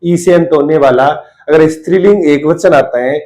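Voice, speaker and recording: Male grammar teacher, slightly raised pitch, drills and repeats examples for exam students. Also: warm tone, poor audio. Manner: repeats key terms, drills example sentences slowly. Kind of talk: exam-prep grammar lesson.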